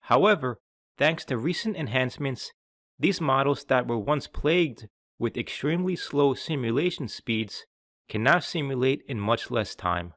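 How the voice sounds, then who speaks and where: A male tech tutorial presenter reads scripted instructions in an orderly way, his mid-range voice slightly bright with lively intonation. He keeps a moderate pace, and the sound is dry, without room echo.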